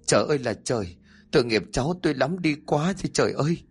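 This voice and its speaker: A man's voice: mid-range voice, animated, normal speed, slightly rough, faint music behind. Sly, fake-pious old father-in-law, trembling and pleading, as a male narrator voices him; audiobook. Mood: feigned grief.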